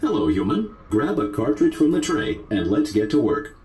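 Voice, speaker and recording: A man's voice: mid-range voice, big pitch swings, moderate pace, darkish tone, slight background noise. A man voicing a polite male robot guide in a game, with a synthetic robot sound and dry, matter-of-fact instructions. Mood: instructive.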